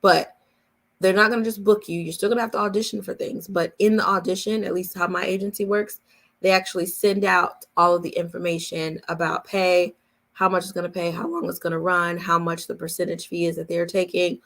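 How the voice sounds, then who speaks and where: Her voice is fairly low and a bit bright, with a level tone and a fairly quick pace. She's a voice-over coach hosting a relaxed live Q&A, explaining emphatically point by point and repeating key ideas.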